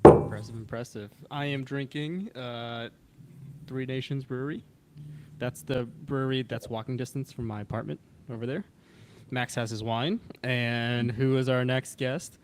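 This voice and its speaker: A man's voice: mid-range voice, moderate pace, a little mellow, a little hiss or hum. A man hosting a podcast, joking and reading out viewer comments in casual banter. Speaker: podcast host.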